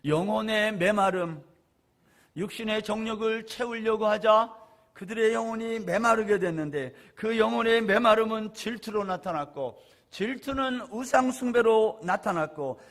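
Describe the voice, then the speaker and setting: A man pastor preaching a Sunday sermon, asking the congregation questions and moving between loud stresses and quiet asides. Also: sits high, measured pace.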